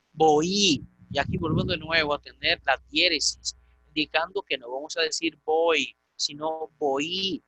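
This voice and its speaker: A man teaching a Greek grammar lecture, patiently repeating and slowly spelling out word forms. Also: a little high, bright, forceful tone, no echo, poor audio.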